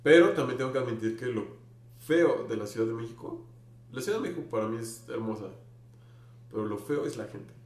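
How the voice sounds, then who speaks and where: A man's voice: mid-range voice, expressive, fairly quick, darkish tone. A man with a Mexico City accent hosting a casual podcast chat, giving opinions and asking his guest questions. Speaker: podcast host. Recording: roomy room echo.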